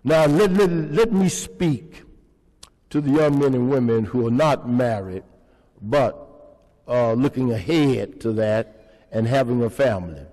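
Speaking in a mid-range voice with a dark tone, an older male pastor preaches slowly inside a large sanctuary. He engages the congregation with call-and-response questions, and the pulpit microphone captures the church's long reverb.

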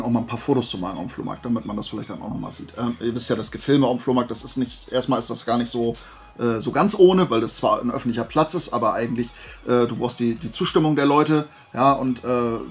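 A video creator shows off his flea market finds, rambling to viewers in a colloquial, playful way and drifting into little digressions. His voice is medium-pitched, fast, and slightly rough.

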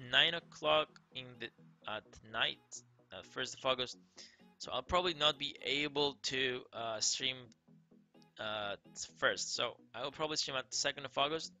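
A young Greek-accented man on a game livestream reads viewer comments and chats casually from an indoor room on webcam. His medium-pitched voice is pushed and bright, and he rambles loosely, leaning on fillers and repeating "crazy."

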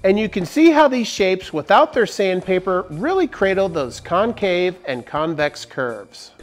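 A man in his forties hosts a casual woodworking review from a big barn workshop. His lively, swinging delivery stays jokey and explanatory. Faint music plays under his lapel-miked voice. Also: high-pitched, a little slow. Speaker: woodworking channel host.

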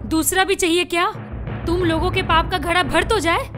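A woman's voice: very high-pitched, fairly even intonation, normal speed. An actress playing a middle-aged mother who has lost a leg, tender with her children and fierce with thugs, in dubbed film dialogue. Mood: defiant. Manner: tearful pleading then fierce defiance. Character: injured widowed mother, defiant and proud. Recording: film soundtrack with loud music.

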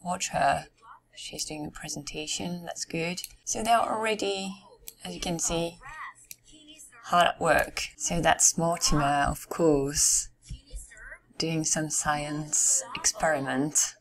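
A woman giving casual game commentary, musing aloud to herself in a somewhat hoarse voice, as if losing it. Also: sits low, steady tone, takes it slowly. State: losing her voice. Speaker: gamer narrating her game. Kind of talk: casual let's-play commentary.

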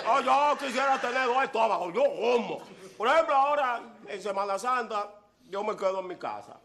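A man with a strikingly high, gravelly voice performs boisterous stand-up on a live stage. He hammers his punchlines with exaggerated repetition. A loud audience laughs and reacts around him. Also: expressive, normal speed, a crowd in the background. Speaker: stand-up comedian. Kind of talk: stand-up comedy monologue.

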